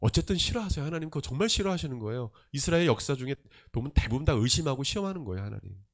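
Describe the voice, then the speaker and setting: A male pastor preaching a sermon, emphatic, with rhetorical questions and swings between loud and soft. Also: mid-range voice, sing-song, racing.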